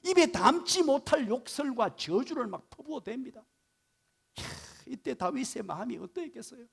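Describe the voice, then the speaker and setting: This Sunday morning sermon comes from a male pastor speaking in a church sanctuary. High-pitched and edged with vocal fry, he stays animated, unpacking Hebrew words from the text and asking one rhetorical question after another.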